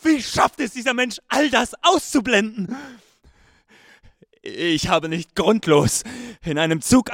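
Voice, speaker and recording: Haunted male army doctor voiced by a man; drawn-out, gravelly, guilt-ridden inner monologue with a hiss of noise behind. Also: sits high, full character voice. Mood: bitter. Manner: brooding, slow inner monologue, breaking into desperate pleading. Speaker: army doctor in a hospital train. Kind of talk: first-person audio drama narration.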